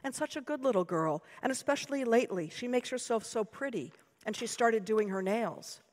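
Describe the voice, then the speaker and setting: A woman's voice: fairly high pitch, lively intonation, moderate pace, darkish tone, pitched above the performer's own voice, close to an everyday voice. An American woman reading aloud gives voice to a sweet, vain, gossipy doll in a sugary, confiding manner. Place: lecture hall. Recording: long hall reverb.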